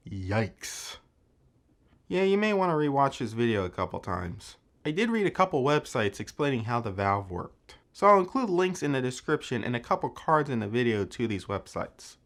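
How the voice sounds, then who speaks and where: Man, technical explainer narration, animated pitch, dry self-mocking humor. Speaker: host of a car teardown channel.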